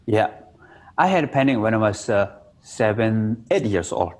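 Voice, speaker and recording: This Nepali meditation teacher, a man with a lowish, expressive, somewhat dark voice, tells meditation stories at a measured pace. He speaks simple, broken English with a Nepali accent in a playful, relaxed interview.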